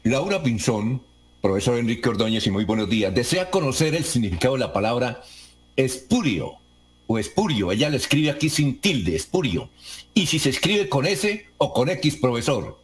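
A man hosting a radio show, announcing the time and reading listener questions briskly. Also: medium pitch, very animated.

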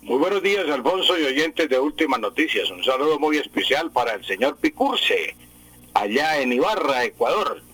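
A Colombian language expert on a live radio news show explains things patiently over a phone line to the studio, with frequent hesitations and repetitions. His voice is a little high, fairly bright and husky, very animated, at a moderate pace, without echo.

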